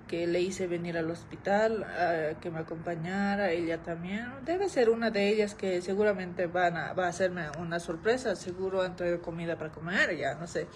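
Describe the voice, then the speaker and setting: A woman's voice: lowish voice, a little hiss or hum, poor audio. A young woman vlogger casually telling a story to her viewers, chatty, repeating phrases and often calling out to them.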